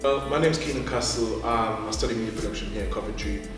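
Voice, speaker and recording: A man who grew up in the Caribbean, a student telling his experiences in an interview in an animated way. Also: lowish voice, quick pace. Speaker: media production student interviewee. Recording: echoey room, distant mic, music behind.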